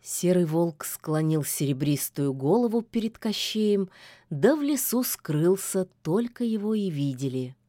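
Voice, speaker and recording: A woman reading a fairy tale aloud in a soft, folksy storytelling manner. She takes her time and lets her pitch rise and fall with lively expression, and the recording is close and dry. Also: a little slow, no echo. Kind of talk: fairy-tale audiobook narration.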